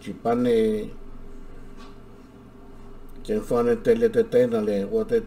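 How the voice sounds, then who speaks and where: A man chatting casually, halting and repeating words as he talks. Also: mid-range voice, flat delivery, mellow, a little hiss or hum. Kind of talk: casual conversation.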